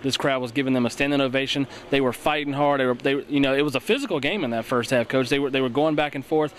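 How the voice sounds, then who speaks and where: A young male sports broadcaster giving earnest post-game analysis into a handheld mic in an empty arena. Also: medium pitch. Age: young adult. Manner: rapid, earnest, many fillers and restarts. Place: empty indoor basketball arena. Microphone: handheld mic held by co-host.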